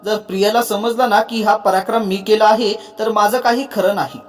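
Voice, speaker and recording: A man's voice: high voice, fairly even intonation, normal speed, soft background music, natural voice. A storyteller voicing a playful young man who teases his friends, in a read-aloud story. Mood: panicked. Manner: playful, boastful. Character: teasing young man, joking ringleader.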